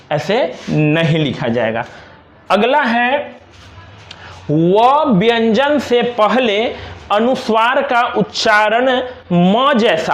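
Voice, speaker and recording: A young man teaching a grammar lesson, slowly and patiently repeating each example word. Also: high voice, roomy sound. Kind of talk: classroom lesson explaining examples on a board.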